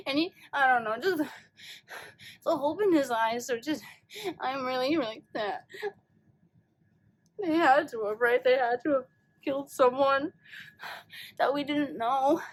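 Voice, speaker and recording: A woman reacting to a movie on her first watch at home, emotional, loud and swearing freely. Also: sits high, a little slow, pauses often. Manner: emotional, loud and profane outbursts.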